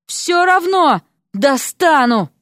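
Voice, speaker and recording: A woman voicing a hulking male demon who growls slow, impatient threats in an audiobook. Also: high-pitched, big pitch swings, fairly bright tone, dry recording, clean studio sound, pitched above the performer's own voice, exaggerated voice. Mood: irritated.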